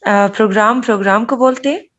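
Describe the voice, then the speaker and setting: A woman student reading out a vocabulary list in an online class, halting, with many fillers. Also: on the high side, dull audio. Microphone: video call.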